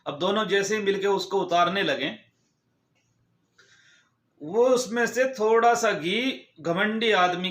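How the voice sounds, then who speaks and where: A man with a high voice tells a moral story in an easy, conversational way. He speaks each character's lines himself, changing his voice only a little. The sound is echoey, as if recorded in a bare room. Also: a bit bright. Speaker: storyteller vlogger. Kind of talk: casual moral story narration.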